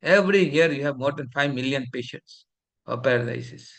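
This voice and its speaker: A middle-aged Indian man with a medium-pitched, gravelly, slightly bright voice talks fairly quickly in Indian English. He lectures a fellowship class in a preachy, scolding manner, mixing Hindi into his speech.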